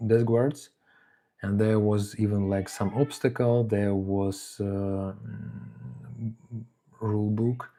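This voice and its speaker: A man from Ukraine with halting English and many fillers, chatting casually on a live painting stream. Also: fairly low pitch, steady tone, gravelly, dark tone, slight background noise. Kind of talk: live-stream hobby chat. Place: home hobby desk.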